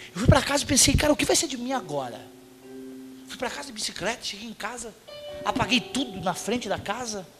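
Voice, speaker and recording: A man with a Brazilian Portuguese accent, a pastor telling comic stories in a lively sermon and acting out shouted quotes. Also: sits high. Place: church congregation hall.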